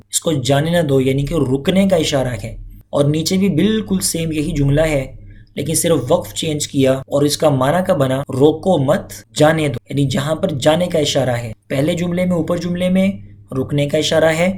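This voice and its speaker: A man's voice: fairly high pitch, darkish tone. Man teaching recitation rules. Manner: explanatory, repeats key points, mixes English terms. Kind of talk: lecture-style lesson.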